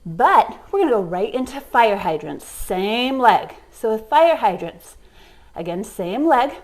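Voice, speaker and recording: A woman's voice: fairly high pitch, big pitch swings, measured pace, darkish tone. A young woman leading a home workout, giving encouraging cues while exercising along, getting out of breath at times. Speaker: fitness instructor.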